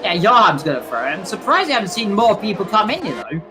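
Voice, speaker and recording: A young man commentating a sim racing league, chatty and excitable, shouting at crashes. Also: high voice, fast, over a noisy crowd. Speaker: race commentator.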